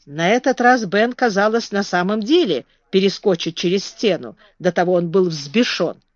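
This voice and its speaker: A woman narrating a children's storybook in an expressive reading voice. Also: mid-range voice, moderate pace, dry recording, muffled recording. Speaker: audiobook reader.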